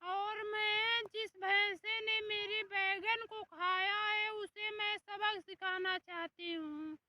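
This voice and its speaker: A woman's voice: extremely high pitch, steady tone, slow, background noise. A woman voicing a whiny, tearful young tomato daughter who pleads with her mother.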